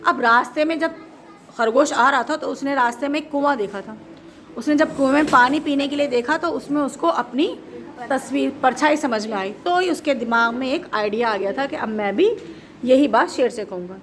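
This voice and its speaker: Woman storyteller, high voice, lively, quizzes the kids, for a children's storytime. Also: normal speed, slight background noise. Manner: lively, asks the children questions.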